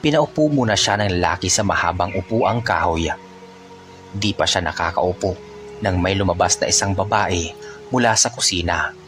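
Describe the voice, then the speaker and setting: A man narrating a folk tale in a steady, unhurried storytelling manner. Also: sits low, soft background music.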